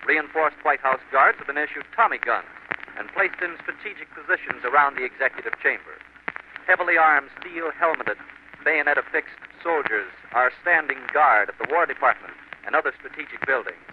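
A man's voice: fairly high pitch, animated, moderate pace. Man on a crackly 1940s radio news report. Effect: old 1940s radio broadcast sound. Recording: tinny old radio recording with loud hiss.

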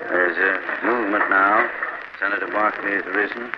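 Male American radio reporter, 1940s, very deep, hesitant live commentary over clearly noisy vintage audio. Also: lo-fi sound. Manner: halting, hesitant ad-libbed delivery.

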